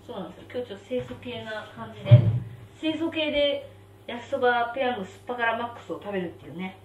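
Slurping spicy noodles on a relaxed live stream, a young woman chats, reacts out loud and reads comments from viewers. She talks quickly in a fairly high, slightly mellow voice, picked up by a distant, roomy mic over a faint hum.

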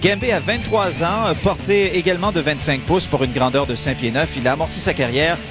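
A male boxing commentator with a Quebec accent speaks in a fairly high voice. He delivers TV sports commentary, with music clearly behind him. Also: brisk.

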